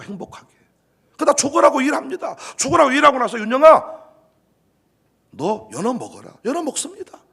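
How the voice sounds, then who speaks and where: A middle-aged man, a pastor preaching a sermon, swinging from hushed talk to shouting. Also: extremely high pitch, gravelly.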